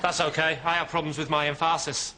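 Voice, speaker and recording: A man's voice: on the high side, level tone, a little fast, close to an everyday voice. A man playing a polite speech therapist with odd emphasis. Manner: polite, stresses the wrong words. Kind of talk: sitcom sketch acting. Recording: very noisy sketch clip with laughter.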